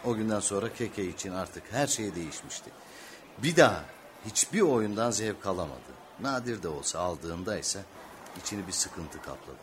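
A man playing a quiet middle-aged father who tells his son a story, calm and a little halting, in a radio play. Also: low voice, noisy background. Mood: storytelling.

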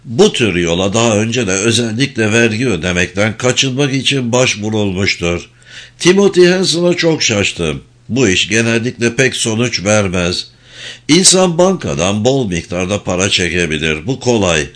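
Man reading as steady, patient lawyer character in an audiobook, low voice, measured delivery. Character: calm, firm middle-aged male lawyer executor.

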